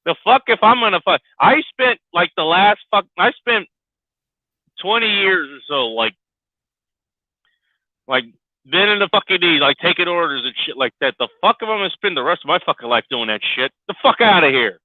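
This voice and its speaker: A man's voice: high-pitched, dry recording. A middle-aged man sounding like a CB radio through his headset, ranting sarcastically and swearing constantly in a casual podcast chat. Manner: sarcastic, swears constantly, gets loud and fired up. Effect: sounds like a tinny CB radio over his headset. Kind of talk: casual profane rant. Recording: tinny dry lo-fi headset line.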